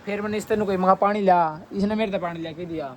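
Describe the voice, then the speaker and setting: A man's voice: high voice, steady tone, fast, slight background noise. A young man with a Haryanvi accent, chatting casually to viewers and family at home in a vlog. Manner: chatty, storytelling, addresses viewers as brother. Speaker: vlogger.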